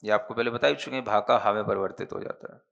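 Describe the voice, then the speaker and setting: A Jain monk teaches a Prakrit grammar class, slow and patient in his explanations, regularly asking "है ना?" to make sure students follow. His lowish voice has vocal fry and a fairly bright tone, with the highs cut off in the audio.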